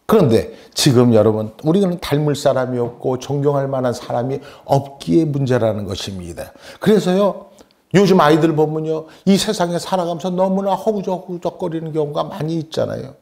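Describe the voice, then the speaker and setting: A man's voice: a little high, fairly quick, gravelly, a little mellow. A male pastor giving a sermon, emphatic and full of rhetorical questions and short asides to the congregation.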